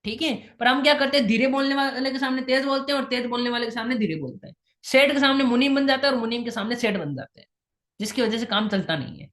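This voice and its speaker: A woman's voice: a little high, quick pace, a bit bright, echoey room. A woman teaching how to invite people, repeating key points and dropping in English phrases. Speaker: sales trainer. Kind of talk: instructional talk on invitation skills.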